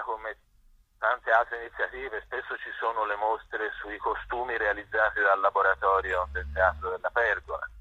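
Heard through a dull, telephone-style radio sound, a middle-aged visual artist answers an interviewer in a bright, forceful, mid-range voice with a breathy edge, and the recording itself is dry. He stumbles and repeats himself as he gropes for the right words.

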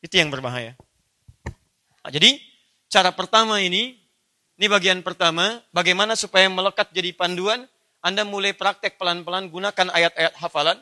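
A man delivers a religious study lecture in a high, bright voice. He talks straight to his audience and keeps asking them rhetorical questions, with a clear, ringing tone. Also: normal speed, pauses often. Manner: addresses listeners directly with rhetorical questions. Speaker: Islamic preacher.

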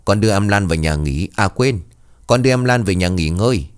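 A man's voice: lowish voice, lively intonation, a little fast, clean tone, natural voice. A man voicing a sly young son who answers his mother in an offhand way.

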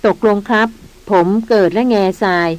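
Gentle, deferential male jungle guide, read by a woman narrator. Audiobook reading. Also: medium pitch, normal speed, close to an everyday voice. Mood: polite. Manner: gentle, polite.

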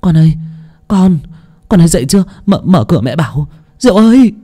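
A man voicing a caring middle-aged mother who advises gently and calls out urgently. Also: medium pitch, lively intonation, normal speed. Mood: frantic. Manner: tender advice, then urgent calling.

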